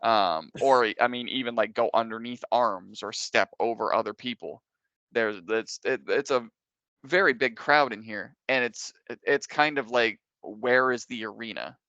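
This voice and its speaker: A man working as game master, improvising narration casually and explaining things in a halting, conversational way. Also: mid-range voice, pushed and bright, dry recording, highs cut off.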